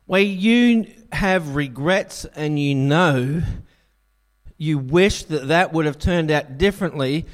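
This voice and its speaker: A man preaching a sermon in a church, a jokey, animated storyteller. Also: a little high, slow pace.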